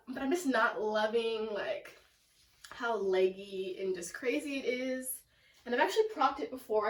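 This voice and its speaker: A young woman who vlogs about plants rambles casually while sick and congested, her fairly high voice coming out raspy and nasal. She's chatty and self-deprecating, filling her talk with "like" and "um." The mic sits at a distance in an echoey room.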